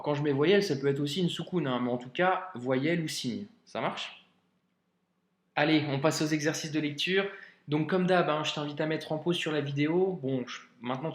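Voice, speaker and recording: The room sounds roomy around this mid-range male voice as he teaches Arabic reading in a recorded video. He keeps the lesson slow, patient, and informal, using "tu" for the viewer and checking comprehension with "ok."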